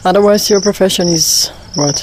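A woman's voice: mid-range voice, moderate pace. A woman interviewer asking short questions, with some hesitation. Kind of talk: casual interview. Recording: outdoor noise with crickets. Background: crickets and insects.

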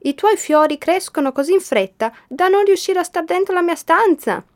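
A woman's voice: medium pitch, expressive, measured pace. A woman voicing a sick young boy in a wheelchair who is skeptical at first and later overjoyed, in a storybook reading. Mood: excited.

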